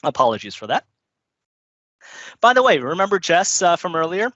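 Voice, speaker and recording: A man's voice: high voice, very animated, moderate pace, a bit bright, dry recording, highs cut off. A man giving a conversational, upbeat conference talk on presenting, often checking in with "right?" and "you know". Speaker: conference speaker.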